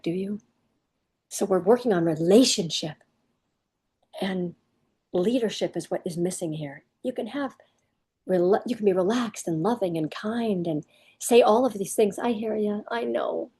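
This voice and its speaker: A woman's voice: on the low side, moderate pace, dark tone, husky. A woman parenting coach giving direct, emphatic advice to parents.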